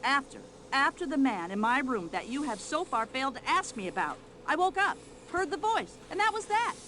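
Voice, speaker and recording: A brash older American widow. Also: female voice, sits high, big pitch swings, moderate pace, noisy background. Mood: huffy. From United States. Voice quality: loud, sharp-tongued and complaining. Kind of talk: video game voice acting.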